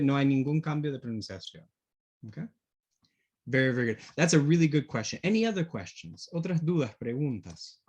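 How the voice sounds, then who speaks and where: Man, teacher, video call, husky, lively pitch, patient check-ins. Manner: patient, checks understanding with frequent "okay?". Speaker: English teacher. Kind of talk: online class, switching between English and Spanish.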